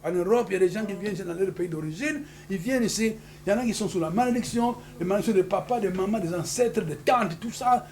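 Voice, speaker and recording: Un pasteur originaire du Congo, avec un congolais, prêche avec emphase dans une salle d'église et lance des alléluias à l'assemblée. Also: male voice, high-pitched, fast talker, few pauses, darkish tone. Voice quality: emphatic, repeats hallelujah to the congregation. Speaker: pastor. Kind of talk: sermon with call-and-response. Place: church hall. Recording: noisy church hall recording.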